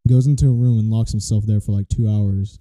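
A man's voice: on the low side, fairly even intonation, brisk, warm tone. A young man co-hosting a podcast, telling a long rambling story in casual chat. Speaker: podcast co-host.

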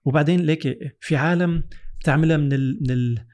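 A man's voice: a little high, fast talker, a little mellow. A man with a Levantine Arabic accent, interviewing in a casual, encouraging way and switching between Arabic and English.

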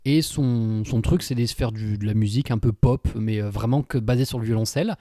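A young man chatting casually with a friend, slangy and relaxed, with lots of hesitations. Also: medium pitch, brisk, dry recording, studio quality. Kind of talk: casual chat between friends.

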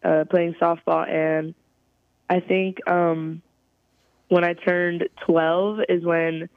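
A young woman from California, a college softball player, giving halting, thoughtful interview answers over a phone call. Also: fairly low pitch, level tone, no echo. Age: young adult. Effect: heard over a phone call. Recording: tinny, dry phone line.

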